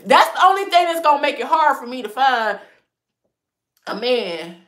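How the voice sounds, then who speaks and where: This woman's high voice swings widely in pitch, with a fairly bright tone and a moderate pace. A lifestyle vlogger in her thirties with a stuffy cold, she casually answers viewer comments and is frank about dating, often breaking into laughter.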